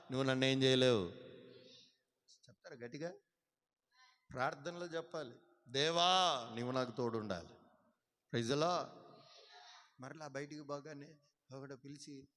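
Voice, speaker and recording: A male pastor preaches with fervor, his voice sitting fairly high for a man. He keeps urging the congregation to answer him loudly. His words ring out in a hall with a long, trailing reverb. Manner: fervent preaching, calls on the congregation to shout back. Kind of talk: sermon.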